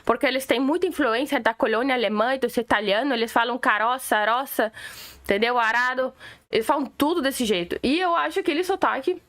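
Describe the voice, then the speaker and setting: Woman, gaúcho accent, high voice, sarcastic livestream rant, exasperated commentator. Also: fast, hardly any pauses. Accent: Gaúcho Brazilian Portuguese. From Rio Grande do Sul, Brazil. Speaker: political commentator.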